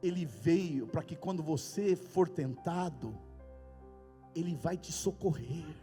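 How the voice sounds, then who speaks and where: A man with a Brazilian Portuguese accent preaches a sermon in a high, emphatic voice that breaks into loud outbursts. His words ring through a church hall with a long reverb. Faint music plays underneath. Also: expressive, slow. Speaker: pastor.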